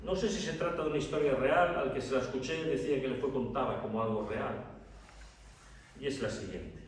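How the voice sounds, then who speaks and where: A male pastor preaching a sermon, telling stories with passion and swinging hushed tones to loud ones. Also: medium pitch, fairly quick. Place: church sanctuary. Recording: very echoey church, distant mic.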